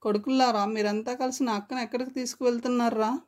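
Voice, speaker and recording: A woman's voice: fairly high pitch, fairly even intonation, fast talker, darkish tone, close to an everyday voice. A woman reading the lines of a grief-stricken young man mourning his sister, with anguished, pleading calls. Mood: grieving.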